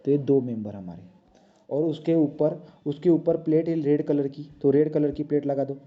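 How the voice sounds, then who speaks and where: A man's voice: fairly high pitch, normal speed. A man teaching a drawing lesson, talking as he draws and checking often with "right?". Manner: talks while drawing, many checks like "right?". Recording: dull lo-fi sound.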